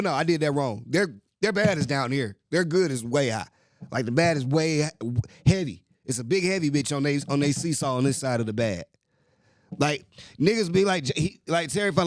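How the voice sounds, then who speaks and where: Animated, profane man ranting about sports. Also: dry recording. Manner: profane, exasperated ranting with swings in pitch. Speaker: host. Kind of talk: casual sports rant.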